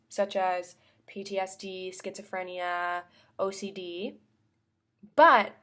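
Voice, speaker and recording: Casting: female host, medium-pitched voice, reading a scripted argument in formal, emphatic phrasing. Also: bright, forceful tone. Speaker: host of a talk segment. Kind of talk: scripted opinion monologue.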